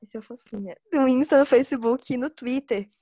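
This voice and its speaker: A woman's voice: sits high, normal speed, mellow, no room sound, clean studio sound. A young Brazilian woman hosting a casual podcast, chatting in emphatic, sweary slang with a slight lisp that makes her s slushy. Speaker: podcast host.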